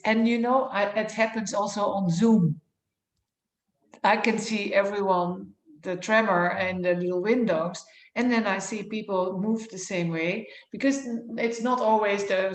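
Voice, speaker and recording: A woman guest, a yoga therapist, explaining her work earnestly at length with many fillers and restarts. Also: mid-range voice. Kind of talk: conversational interview. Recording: echoey room.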